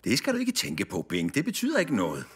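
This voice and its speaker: A woman voicing a small, gentle and patient plush carer in a cartoon dub, with a calm, reassuring way of talking. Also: rumbling low, slightly rough, full character voice. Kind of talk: cartoon dubbing.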